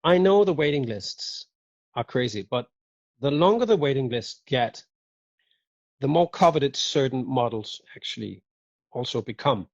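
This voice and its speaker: A man's voice: mid-range voice, expressive, unhurried, dry recording. A man chatting casually as a guest on a video call, joking and laughing often with rambling asides. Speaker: guest watch collector. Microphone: video call mic. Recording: dull lo-fi call audio.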